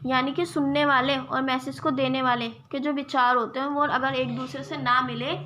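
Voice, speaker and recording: A woman's voice: high voice, flat delivery, moderate pace, sharp tone, slight background noise. A young woman teaching an exam-prep lesson, explaining step by step and checking in with her viewers as friends. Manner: addresses viewers as "friends", gives examples.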